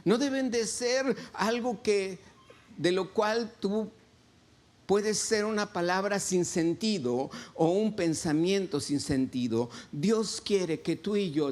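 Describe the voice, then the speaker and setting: Male pastor, sermon, slightly high voice, unhurried. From Mexico. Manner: slow, lively preaching with questions to the congregation. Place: church.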